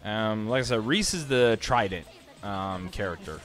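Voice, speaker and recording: A man's voice: fairly low pitch, lively intonation, a little slow, a bit bright, faint music behind. A sleepy man casually commentating fighting game matches on a live stream, thinking aloud with many fillers. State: sleepy, yawning.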